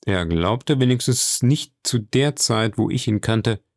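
A mysterious count speaks calmly and gravely in a low voice, as a male narrator reads him. The voice is gravelly and recorded dry and close, and each line comes slow and measured. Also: no room sound. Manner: measured and solemn.

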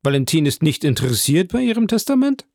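A man's voice: fairly high pitch, sing-song, fast talker, gravelly, darkish tone, dry recording, clean studio sound, pitched above the performer's own voice, full character voice. A man voicing a cool, sceptical middle-aged magistrate in a read-aloud story, formal in his speech.

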